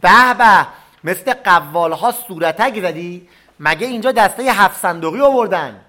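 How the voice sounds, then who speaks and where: A man's voice: sits high, expressive. A man voicing an angry, strict male schoolteacher who scolds a pupil in a read-aloud story. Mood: mocking. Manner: scolding, shouting.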